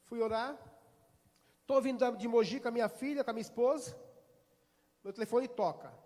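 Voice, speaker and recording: A man's voice: very high-pitched, brisk, a little mellow. Brazilian male pastor, middle-aged, acts out dialogue in his sermon, long church reverb. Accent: Brazilian Portuguese. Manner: storytelling, acting out dialogue. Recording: hall reverb.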